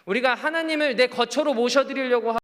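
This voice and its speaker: A man's voice: very high voice, brisk, fairly bright tone, in a large hall. A male pastor preaching a sermon in an earnest style, with rising and falling emphasis. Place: church sanctuary.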